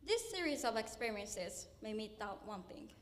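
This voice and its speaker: A young woman from Japan, a university student, delivering a memorized speech contest address in an earnest way, with deliberate emphatic pauses, from an auditorium stage. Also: medium pitch, sing-song. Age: young adult.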